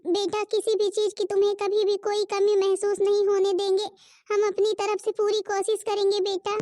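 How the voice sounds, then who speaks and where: A dutiful young cartoon daughter-in-law, with a very high, bright, sped-up tone. She is earnest and reassuring, always fussing over the family. The recording is close and dry. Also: completely flat delivery, normal speed, no room sound, recorded from a distance. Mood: comforting. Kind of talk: Hindi cartoon voice acting.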